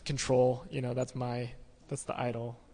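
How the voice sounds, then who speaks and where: A man's voice: mid-range voice, flat delivery, normal speed, warm tone. A man talking casually and candidly, reflecting on his own behavior. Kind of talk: casual conversation. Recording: long hall reverb.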